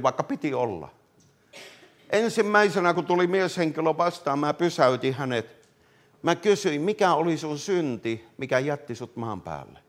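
A man preaching a fervent revivalist sermon, swinging from loud calls to hushed words and often addressing listeners directly. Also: on the high side. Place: meeting hall.

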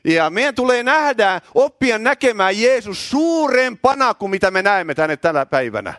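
A middle-aged man preaching a loud, excited charismatic sermon in a church, often shouting and repeating words when worked up. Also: high-pitched, no room sound, studio quality.

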